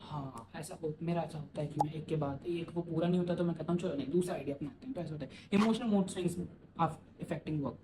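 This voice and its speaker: Fast-talking joking young man vlogger. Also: on the high side, steady tone, background noise. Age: young adult. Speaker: YouTuber. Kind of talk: casual vlog, reacting to a reading.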